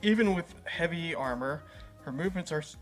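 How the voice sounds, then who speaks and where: A man's voice: on the high side, lively intonation, fairly quick, soft background music. A man reading a visual novel game aloud as a gaming host, playful and chuckling at the story.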